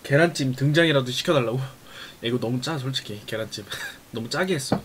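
A man's voice: mid-range voice, fairly quick, a little hiss or hum. A young man live-streaming a meal, reacting to viewer chat with teasing, laughing remarks and muttering between bites. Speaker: mukbang streamer.

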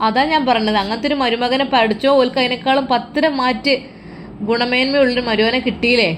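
A woman's voice: fairly high pitch, steady tone, brisk, slight background noise, pitched above the performer's own voice, close to an everyday voice. A woman voicing a loving, worried older mother who pleads tenderly with her son, in a Malappuram Malayalam accent. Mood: coaxing. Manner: coaxing and tender, calls him "my dear son".

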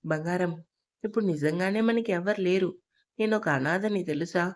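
A woman voicing a gentle young single mother comforting her daughter in a Telugu audio story, speaking softly. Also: lowish voice, normal speed, natural voice. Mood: tender. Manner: soft, gentle. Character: tender young single mother, quietly sad.

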